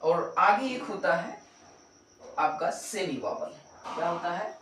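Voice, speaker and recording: A man's voice: high-pitched, huge pitch swings, slow pace, a bit bright, a little hiss or hum. A man teaching a pronunciation lesson, asking and answering his own questions and repeating each sound. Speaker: English teacher. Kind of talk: classroom-style pronunciation lesson. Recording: roomy echo, mic far off.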